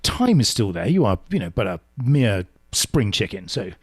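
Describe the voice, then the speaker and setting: A man hosting a podcast, playful and chatty as he jokes and works through a list of quick questions. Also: fairly low pitch, sing-song, slightly rough. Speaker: podcast host. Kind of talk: casual interview, rapid-fire questions.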